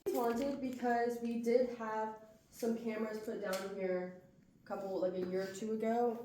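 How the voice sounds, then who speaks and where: A woman's voice: mid-range voice, warm tone. A woman working as a cave guide, explaining things informally to a tour group in an echoing cave. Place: inside a cave. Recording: echoing cave, faint background noise.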